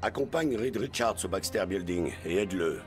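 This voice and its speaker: Stern spy chief giving orders. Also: male voice, sits low, expressive, moderate pace. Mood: commanding. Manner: curt, issues orders. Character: stern male spy agency director, commanding. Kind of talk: French video game dub. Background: game music.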